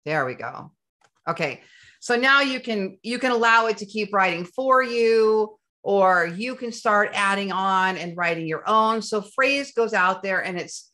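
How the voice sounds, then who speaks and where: Woman SEO tutor walking through software on screen, bright tone, eager to the point of breathlessness. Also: mid-range voice. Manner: enthusiastic, gets breathless with excitement. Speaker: SEO instructor.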